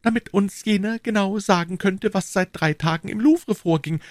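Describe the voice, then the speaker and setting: Male narrator's young lady voice for an audiobook: high, quick, breathless when frightened, close dry mic. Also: dry recording, lightly acted. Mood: earnest. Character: young Parisian woman, clever, secretive, easily alarmed. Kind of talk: audiobook reading with character voices.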